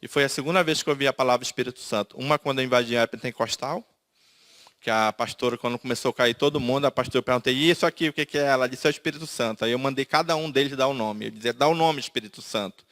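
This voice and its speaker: A man's voice: medium pitch, fast, a bit bright. Brazilian man giving a spoken testimony. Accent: Brazilian Portuguese, Manaus. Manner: storytelling, acts out quoted dialogue. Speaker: testimony speaker. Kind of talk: emotional personal testimony.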